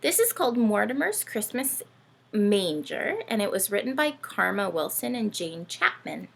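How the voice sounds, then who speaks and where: Speaking at normal speed in a creaky, medium-pitched voice, a woman hosts a playful read-aloud for young children. Her delivery is animated and sing-song, and she keeps asking the kids questions.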